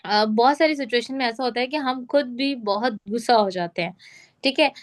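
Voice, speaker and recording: A woman leads a training session over a call. Her voice sits high, and she explains step by step, often asking whether everyone is following. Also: moderate pace. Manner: instructive, repeats check questions. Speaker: sales trainer. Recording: call audio.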